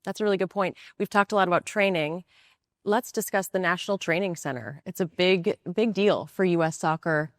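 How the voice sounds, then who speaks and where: A woman interviewer moderating a stage panel, asking questions in a smooth, upbeat broadcaster's delivery. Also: fairly low pitch, brisk, no echo, studio quality.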